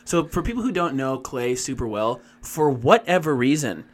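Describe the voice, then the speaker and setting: A man's voice: mid-range voice, sing-song, normal speed. A man co-hosting a casual podcast chat, teasing his friend and laughing a lot. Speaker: podcast co-host.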